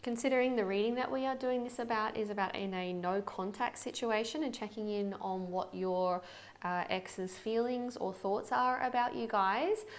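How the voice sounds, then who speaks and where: A young woman doing a casual tarot reading for viewers, chatty and friendly with quick asides and fillers. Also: on the high side, steady tone. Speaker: tarot reader.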